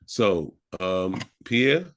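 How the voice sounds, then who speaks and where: Male meetup host, low voice, friendly, on a video call. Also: expressive, extremely slow, fairly bright tone. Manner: friendly, calls on people by name. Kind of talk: hosting an online networking meetup.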